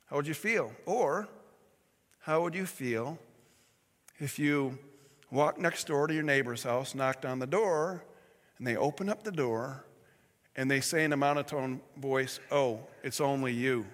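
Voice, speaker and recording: A man's voice: fairly high pitch, unhurried, long pauses, fairly bright tone, in a large hall. A man preaching a sermon, telling a story with fillers and self-corrections as he goes. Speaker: pastor.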